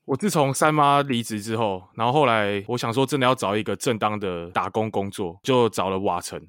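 A young man with a Taiwanese Mandarin accent, co-hosting a casual podcast and teasing the others with quick comebacks. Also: fairly low pitch, a bit bright, clear, resonant tone, dry recording, clean studio sound. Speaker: podcast co-host. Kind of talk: casual chat.

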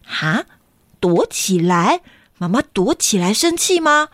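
A woman reading a picture book aloud to children, animated and playful, often asking them questions. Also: medium pitch, slow pace, no echo, studio quality. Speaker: storyteller.

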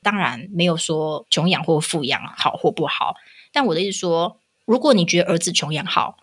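A woman's voice: lowish voice, moderate pace, husky. A woman with a Taiwanese Mandarin accent hosting a casual, opinionated podcast, telling stories animatedly and acting out what people say. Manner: animated storytelling, acting out quotes. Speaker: podcast host.

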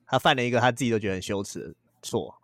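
A man's voice: mid-range voice, dry recording, studio quality. A man, co-hosting a podcast in casual chat and telling self-deprecating stories. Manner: fast, joking, self-deprecating storytelling. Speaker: podcast co-host.

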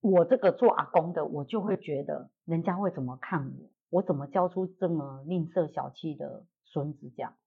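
A woman with a Taiwanese Mandarin accent, hosting a casual chat show and telling a family story in a lively way, voicing the relatives she quotes. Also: deep voice, normal speed, gravelly, hardly any pauses, husky. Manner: animated retelling, acting out relatives' quoted lines. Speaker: podcast host. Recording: tinny phone-like audio.

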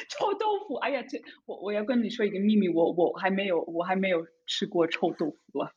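A woman's voice: medium pitch, lively intonation, brisk, a little mellow, muffled recording, slight background noise. A woman in her thirties from Zurich, a German speaker, chats casually as a foreign Mandarin speaker, hesitant and giggly, often repeating words. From Zurich, Switzerland. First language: Swiss German. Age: 30s. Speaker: podcast guest. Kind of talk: casual interview chat in Mandarin as a foreign learner.

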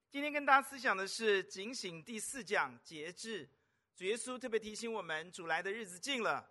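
A male pastor preaching a lively sermon, exclaiming and telling stories. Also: high-pitched. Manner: animated, exclaiming, storytelling.

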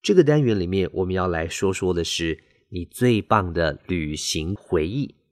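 A man with a deep, low voice gives a bilingual English lesson. He explains phrases clearly and deliberately, like a teacher walking students through a model answer. The sound is dry and close, with no room around it. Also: expressive, dry recording.

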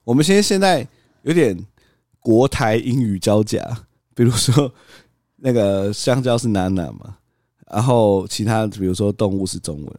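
A man's voice: lowish voice, expressive, normal speed, a little mellow, no room sound, studio quality. A man co-hosting a casual podcast, a father telling stories about his toddler and acting out the child's replies. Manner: storytelling, acts out toddler's cries. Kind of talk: casual chat.

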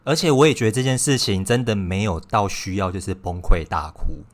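Man with a low, calm voice. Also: a little fast. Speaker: podcast co-host. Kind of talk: casual chat. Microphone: remote online call.

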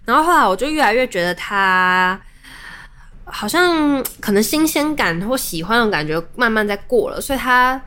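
A woman's voice: on the high side, lively intonation, normal speed, pushed and bright, smooth. A young adult woman, hosting a podcast and telling a personal story in a casual, rambling way with many restarts. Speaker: podcast host.

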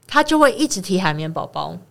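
A woman's voice: fairly low pitch, very animated, brisk, gravelly, heavy background noise. A woman with a Taiwanese Mandarin accent, co-hosting a podcast and retelling a friend's story in casual, rambling chat. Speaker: podcast co-host.

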